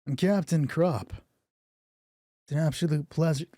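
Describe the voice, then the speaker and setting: A man's voice: fairly high pitch, unhurried, dark tone, dry recording, clean studio sound, voice pushed up. A man playing an eager, formal town captain. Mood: welcoming. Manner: overly formal, stumbling welcome.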